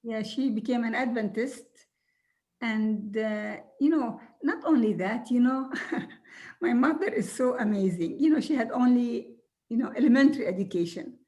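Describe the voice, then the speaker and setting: An older woman from Jordan, a native Arabic speaker, telling her life story slowly and earnestly, with soft laughs now and then. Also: a little high. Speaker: guest speaker. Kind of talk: recorded video conversation.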